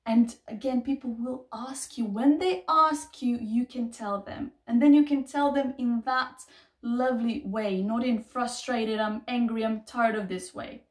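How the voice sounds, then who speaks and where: This self-help vlogger, a woman in her thirties whose first language isn't English, repeats herself emphatically in a motivational talk to camera. She speaks at a measured pace in a slightly high voice. It's recorded indoors in a small, echoey bedroom with the camera a few feet away.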